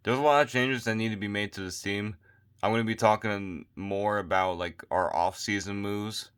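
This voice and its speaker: A man's voice: lowish voice, steady tone, normal speed, fairly bright tone, smooth. A man vlogging his sports opinions late at night, tired and losing his voice, rambling and repeating himself into a phone mic. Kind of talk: casual opinion rant.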